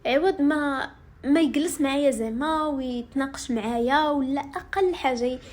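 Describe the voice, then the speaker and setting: A young woman with a Moroccan accent, telling her own story to viewers in a rapid, aggrieved first-person retelling. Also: sits high, a little mellow.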